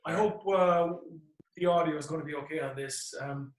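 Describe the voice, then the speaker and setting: Male co-host, casual chat, raised pitch, roomy echoing recording. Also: moderate pace, a crowd in the background. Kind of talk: casual chat, addressing viewers.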